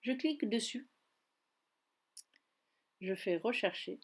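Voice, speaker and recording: A woman's voice: mid-range voice, animated, takes it slowly, slightly rough. Woman with a Spanish accent teaching. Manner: step-by-step, patient explaining. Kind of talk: screen-recorded tutorial.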